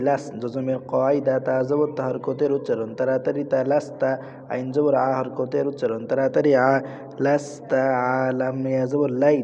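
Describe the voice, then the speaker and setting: A man's voice: mid-range voice, warm tone, slight background noise. Man chanting a Quran reading lesson. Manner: slow drawn-out chanting of verses, then quick spelled-out rules. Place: madrasa with children's noise around. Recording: lo-fi with long hall reverb.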